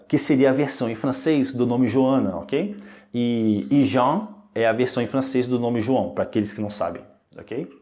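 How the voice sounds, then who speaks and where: A man's voice: medium pitch, warm tone. A man with a Brazilian Portuguese accent giving an online French lesson, patiently repeating each word and checking in with "ok?". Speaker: French teacher. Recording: dull, lo-fi recording.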